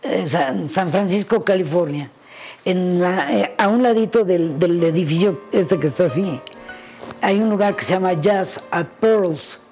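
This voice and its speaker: Soft music plays behind a pianist from Mexico as she tells anecdotes in an interview. Her voice is fairly low and a little slow, and she animatedly acts out the voices in her tales.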